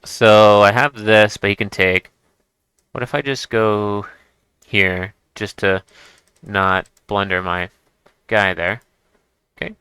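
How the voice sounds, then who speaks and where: A man's voice: on the low side, steady tone, takes it slowly, long pauses, pushed and bright, clear, resonant tone, no echo. A man giving casual chess commentary as he plays, thinking aloud and restarting his sentences. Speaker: chess streamer.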